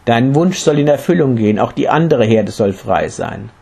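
A man's voice: mid-range voice, expressive, normal speed, creaky, mellow, husky. A man voicing a mighty human king in a read-aloud fable, speaking in stately, formal words. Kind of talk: storybook reading.

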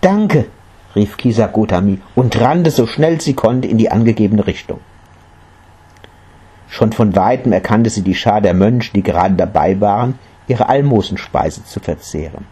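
A man narrating a story in a measured, quiet storytelling manner. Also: fairly low pitch, husky.

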